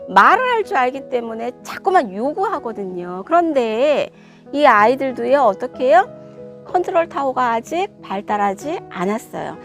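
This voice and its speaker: A woman's voice: sits high, sing-song, moderate pace, a bit bright, soft background music. A woman parenting educator giving an emphatic lecture on child discipline and asking her listeners rhetorical questions.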